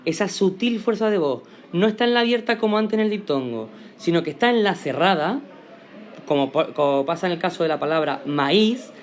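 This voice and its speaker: A male teacher with a Spain Spanish accent, patiently explaining a grammar lesson and slowly stressing example words. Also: fairly high pitch.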